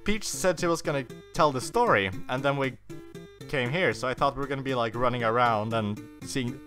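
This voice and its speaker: A man chatting his way through a video game, rambling and correcting himself as he goes. His voice is bright and lively, bouncing up and down, and quiet game music plays under it. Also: medium pitch. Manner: rambling, chatty, many fillers and self-corrections. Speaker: let's player. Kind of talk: casual gameplay commentary.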